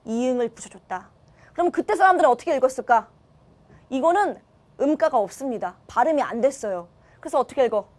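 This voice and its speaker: A woman's voice: high voice, darkish tone. A woman teaching a grammar lesson online, asking her students questions and answering them herself. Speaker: Korean language teacher.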